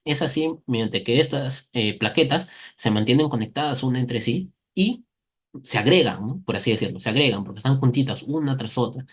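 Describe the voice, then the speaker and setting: A male medical lecturer in a mid-range voice, explaining step by step to his students. He keeps posing quick questions and answering them himself, and livens the material with friendly, playful comparisons. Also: mid-range voice, lively intonation, slightly rough. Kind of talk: recorded class explanation.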